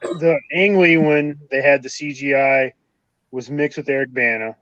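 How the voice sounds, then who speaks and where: A man's voice: mid-range voice, fairly even intonation, fairly bright tone, no room sound, dull audio. A man co-hosting a casual movie review podcast, chiming in to correct facts and give opinions. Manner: corrects facts, quick interjections. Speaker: podcast co-host.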